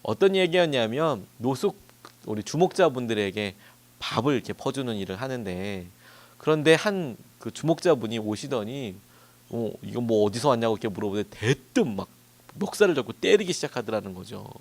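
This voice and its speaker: Man, pastor, dawn-service sermon, conversational storytelling, animated pitch. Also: brisk. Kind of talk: sermon at a dawn prayer meeting.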